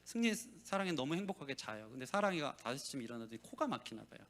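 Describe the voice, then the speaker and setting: A man's voice: medium pitch, quick pace. A male pastor preaching a sermon and telling a family story, acting out the people he quotes. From South Korea. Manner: animated storytelling, acts out quoted voices.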